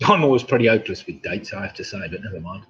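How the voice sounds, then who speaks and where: A man's voice: lowish voice, lively intonation, rapid-fire, a bit bright, a little hiss or hum. A man in his sixties hosting a live online pub quiz from home, chatty and chuckling at viewers' jokes, on a webcam mic. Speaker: quizmaster. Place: home room, indoors. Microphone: webcam mic, seated at desk. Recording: dull lo-fi webcam audio.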